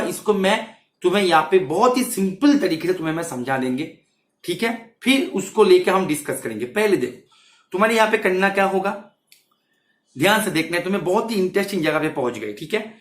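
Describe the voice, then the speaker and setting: A man's voice: high voice, very animated, brisk. Man teaching maths in an echoey room. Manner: keeps checking in with "see" and "okay", repeats phrases. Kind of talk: exam-prep lecture. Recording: roomy, echoey sound.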